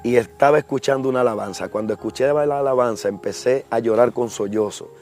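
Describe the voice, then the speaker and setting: A young man tells his personal testimony in a middle-pitched voice. He is earnest and acts out the voices of the people in his story. Soft music plays faintly behind him. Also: a little fast. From Dominican Republic. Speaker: guest giving a testimony.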